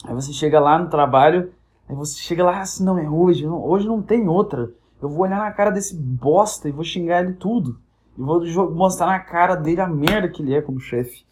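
A man's voice: fairly high pitch, fairly quick, darkish tone. A young man from Brazil hosting a podcast, telling a casual comic story with crude, profane humor and acting out the voices of the people in it. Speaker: podcast host.

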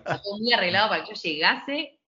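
A woman from Argentina in her thirties with an Argentine accent, telling her story in a lively way as an interview guest. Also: mid-range voice, fast talker, dull audio. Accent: Argentine Spanish. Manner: lively storytelling, acts out quoted voices. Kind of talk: casual interview.

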